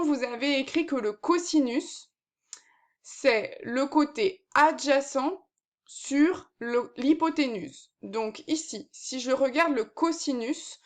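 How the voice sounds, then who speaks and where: A woman maths teacher giving a recorded lesson, explaining patiently step by step with frequent fillers. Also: sits high.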